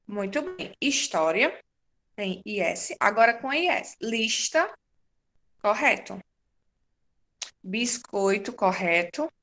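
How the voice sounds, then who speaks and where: A woman teacher, giving a patient, slow-paced class to young children and confirming their answers. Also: mid-range voice, animated, a bit bright. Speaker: primary school teacher.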